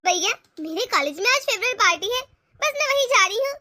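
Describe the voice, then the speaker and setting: A spoiled young college girl wheedles and pleads to get what she wants, voiced by a woman. The voice is very high and bright. It is a homemade family drama with a dry, close sound. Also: expressive, a little fast, dry recording, heavily acted. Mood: wheedling.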